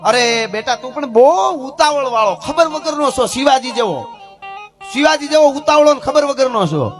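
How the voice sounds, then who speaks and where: A man's voice: very high voice, animated, faint music behind, pitched above the performer's own voice. A man doing a blunt old herder woman. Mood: scolding. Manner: scolding, drawn-out and emphatic. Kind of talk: folk storytelling.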